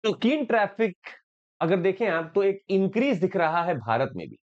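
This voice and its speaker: In an exam-prep lesson, an Indian-accented man breaks down the day's news, switching between Hindi and English and going over key points again. He speaks at a normal speed in a high, expressive voice, and the recording's highs are cut off.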